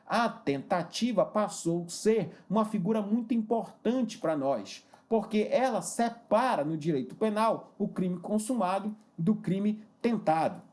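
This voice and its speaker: A man teaching a recorded law lesson, lively and engaging, stretching key terms slowly and constantly checking in with the viewer. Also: high-pitched.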